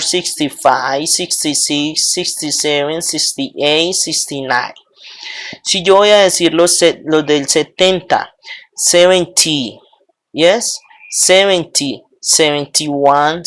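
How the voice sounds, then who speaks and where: Woman, low voice, patient teacher counting aloud. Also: a bit bright. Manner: patient, drills numbers one by one. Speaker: English teacher. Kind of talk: slow classroom lesson counting aloud.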